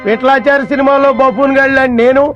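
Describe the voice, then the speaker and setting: Jittery comic buffoon, high voice, music under it. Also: male voice, level tone. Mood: nervous comic. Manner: nervous, quick, self-mocking. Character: short cowardly comic sidekick. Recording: dull film soundtrack with music.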